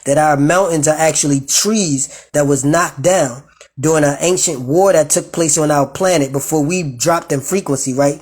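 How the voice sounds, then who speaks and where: A man reading scripture and retelling it in profane, animated slang. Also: a little high. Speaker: bible study teacher. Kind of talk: casual bible reading with commentary.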